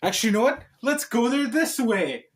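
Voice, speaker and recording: Against a noisy background, a man with an extremely high-pitched, very animated voice talks a little fast. He hosts a homemade video, chatting casually and reading a storybook aloud in an informal, slightly stumbling style.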